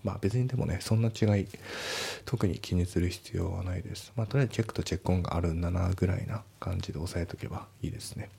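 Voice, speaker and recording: A man explains English sentences in an easygoing, step-by-step way, reading each example slowly before breaking it down. His voice is deep and dark, with a gravelly, husky texture. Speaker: English teacher. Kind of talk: casual spoken lesson.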